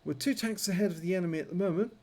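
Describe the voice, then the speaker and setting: High-pitched man commentating, numb sore jaw. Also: rapid-fire, darkish tone. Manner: slightly impeded speech from a numb, infected jaw with toothache. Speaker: gameplay commentator. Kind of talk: running commentary on a tank battle video game.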